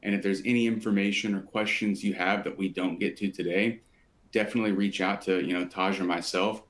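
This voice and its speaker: A man with a somewhat low voice hosts a live webinar. He talks in long, steady, well-practiced stretches. He sounds like a salesperson who knows his material. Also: brisk. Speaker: webinar host from sales team.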